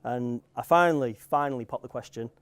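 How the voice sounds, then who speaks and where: A man's voice: mid-range voice, a little fast, no room sound. A young man with a Manx accent giving an informal wedding speech as the groom, in a joking, rambling, hesitant manner. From Isle of Man. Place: wedding venue. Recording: live event room with guests audible. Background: wedding crowd.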